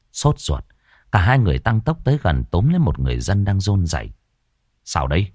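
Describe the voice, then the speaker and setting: A man narrating a horror story with dramatic, lively storytelling. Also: deep voice, dry recording, clean studio sound.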